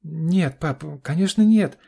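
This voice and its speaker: A man's voice: fairly high pitch, lively intonation, normal speed, dark tone, husky, pitched above the performer's own voice. A man voicing a pushy, anxious young adult daughter in an audiobook, pleading and insistent. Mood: incredulous. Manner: pleading, insistent, keeps saying "dad". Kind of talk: audiobook character voice.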